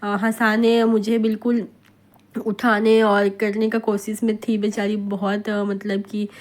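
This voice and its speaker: An Indian woman in her thirties, hoarse from a cold, narrates her home vlog in a chatty, rambling voice-over, slipping English words into her speech. Her mid-range voice is monotone and a little slow.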